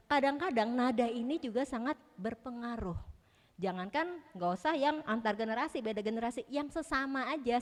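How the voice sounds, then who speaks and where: A middle-aged woman giving a chatty, playful talk to a church youth group, talking straight to the audience. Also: on the high side. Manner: chatty, playful, laughs often, talks to the audience. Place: church hall. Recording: reverberant hall.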